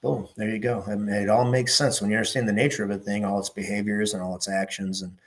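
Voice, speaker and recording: A man's voice: on the low side, flat delivery, quick pace. Profane, rambling man on a podcast. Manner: profane, rambling storyteller with many fillers. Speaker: podcast guest. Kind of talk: casual podcast chat.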